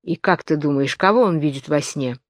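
A woman's voice: low voice, fairly quick, dry recording, studio quality. A woman voicing a boastful, self-satisfied little twin brother who teases the girl, in a storybook reading. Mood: teasing.

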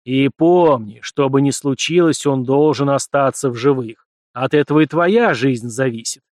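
A stern, mocking god's voice, as a male narrator puts it on, loud and commanding, with gruff irony in every order. The sound is dry and close. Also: mid-range voice, moderate pace, no room sound, close to an everyday voice.

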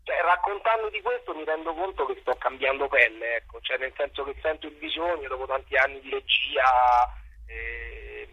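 This guest theatre director, a middle-aged man, is very animated, with a creaky, breathy medium-pitched voice at a moderate pace. The audio is narrow and tinny. Chatting in an interview, he is reflective and hesitant, often repeating words as he looks for the phrasing.

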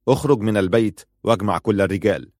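A man voicing a stern, protective clan leader who gives firm orders but speaks gently to a wounded relative. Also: lowish voice, fast talker, no echo, studio quality, close to an everyday voice. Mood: commanding. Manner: firm, clipped orders softening to gentle reassurance. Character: stern protective male clan leader, commanding yet tender.

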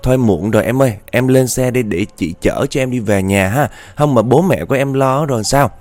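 A man's voice: mid-range voice, a little fast, a little mellow, faint music behind, natural voice. A man voicing a kind young woman student, coaxing and concerned as she asks questions.

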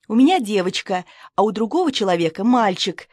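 A woman reading an audiobook, voicing a brash, excitable woman friend who rambles and bosses people around. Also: medium pitch, fairly quick, dry recording, studio quality. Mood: excited. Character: brash loud woman friend, snail breeder.

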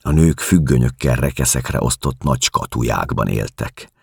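A man narrates a novel in a very deep, gravelly voice with a husky edge. His pitch rises and falls freely. The recording is close and dry. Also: expressive, darkish tone, no room sound. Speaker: audiobook narrator. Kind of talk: scripted literary narration.

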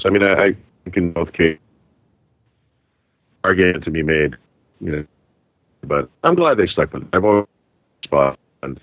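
A man's voice: low voice, dry recording. A man co-hosting a casual chat over a remote call whose audio keeps glitching and cutting out, talking loosely with fillers. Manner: relaxed, lots of "you know" and "um". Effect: choppy audio cutting out over a bad connection. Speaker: podcast co-host. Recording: dull, dry, glitchy online call audio.

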